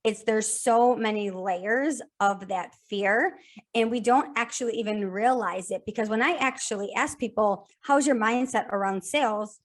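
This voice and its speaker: A woman on a podcast as a guest talks about sales at a normal speed, her voice mid-range. She's casual and full of energy, often starting over and repeating phrases within lists.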